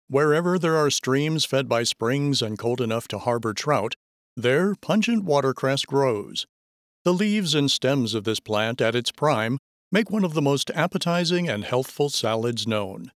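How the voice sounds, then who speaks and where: A male narrator reading classic fiction aloud in a measured, steady storytelling manner. His voice sits in a middle register. The recording is dry and close, with no room sound. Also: medium pitch, dry recording. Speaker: audiobook narrator. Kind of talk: scripted audiobook narration.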